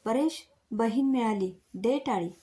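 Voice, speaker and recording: Woman doing a cheeky young guy in a storybook, blurts stuff out, high and mellow. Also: slow pace. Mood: excited. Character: eager young man, impulsive and cheeky.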